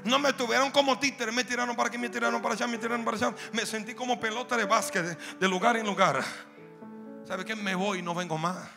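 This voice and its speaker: A man preaching a sermon in a church hall, impassioned, with repetitive cadences that swell into shouting. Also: very high voice, fairly even intonation, fast, gravelly. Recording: reverberant hall with music behind.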